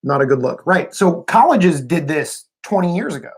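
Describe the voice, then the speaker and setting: A man's voice: a little high, very animated, normal speed, husky. A man co-hosting a live stream, chatting casually about baseball and often hedging his points. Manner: musing, hedging, says "I don't know" often.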